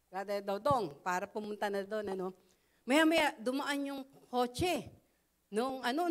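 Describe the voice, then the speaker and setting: Filipino lady, middle-aged, slightly high voice, telling her church testimony all chatty with lots of "no?". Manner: conversational, frequent "no?" tags and fillers. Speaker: church member giving testimony.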